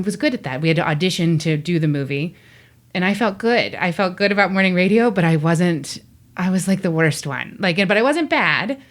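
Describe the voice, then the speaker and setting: Animated woman, a bit low voice. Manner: animated storytelling, acts out quotes. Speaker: guest, voice actor. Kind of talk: casual interview chat.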